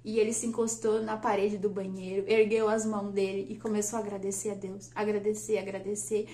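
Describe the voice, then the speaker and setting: A woman, telling a personal story on her vlog in a chatty, lively way and laughing often. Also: medium pitch, a little fast. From Brazil. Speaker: vlogger. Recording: echoey room.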